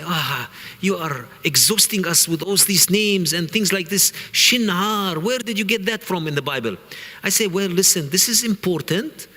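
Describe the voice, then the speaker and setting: Man, earnest lecturer, bright voice, somewhat high, reverberant hall. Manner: earnest, repeats words, reads Hebrew aloud. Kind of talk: teaching lecture on scripture.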